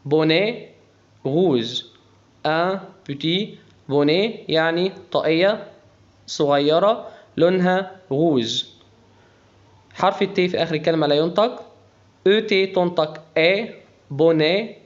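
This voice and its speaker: A man with an Egyptian Arabic accent teaches beginners, slowly spelling out each word one sound at a time. His voice sits a little high, and he takes an unhurried pace. The recording is dull and lo-fi. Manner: slow, spells out pronunciation letter by letter. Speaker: French teacher. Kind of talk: beginner language lesson.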